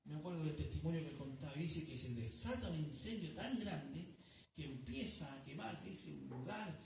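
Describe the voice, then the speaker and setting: In an echoey church, picked up by a distant mic, a male pastor preaches a sermon, telling a story and calling his listeners "brother." His voice is on the high side, creaky and darkish in tone, with lively intonation at normal speed and a little hiss or hum.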